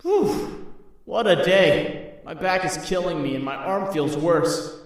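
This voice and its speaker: A man's voice: high voice, expressive, slow pace, a little hiss or hum. A man playing a young, wisecracking but harried superhero in a comic dub, with a wry, self-narrating manner. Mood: weary, brooding. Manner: wry, quippy, talks to himself. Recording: very echoey, distant, music behind.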